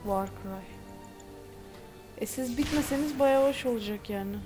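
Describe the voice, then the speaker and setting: A woman's voice: on the high side, measured pace, over music. A young woman chatting casually while playing a game, playful and giggly, tossing in English exclamations. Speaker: gamer. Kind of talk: casual gameplay chat.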